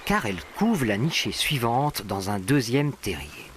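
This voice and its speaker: A man narrates a nature documentary in a scripted, storytelling register. His mid-pitched voice moves through a lively range of intonation, with clear bird and animal ambience behind it. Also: a little slow, slight background noise. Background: birdsong and natural ambience.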